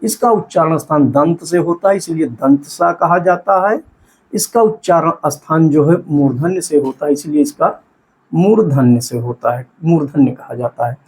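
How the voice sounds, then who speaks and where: A man teaching an exam-prep lesson, asking questions and answering them himself, and sounding out syllables slowly. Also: on the high side, a little mellow, breathy edge.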